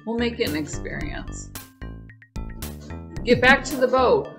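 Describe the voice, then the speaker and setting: A woman's voice: a little high, animated, unhurried, over music. A woman chatting through a video game as its streamer, playful and wry, often exclaiming.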